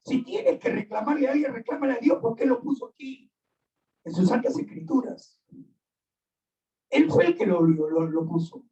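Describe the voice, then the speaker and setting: A man's voice: very high voice, big pitch swings, normal speed, long pauses, dark tone. A man preaching a sermon as pastor, emphatic and repeating his points, addressing listeners directly in an echoey church hall. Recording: echoey and distant, dull sound.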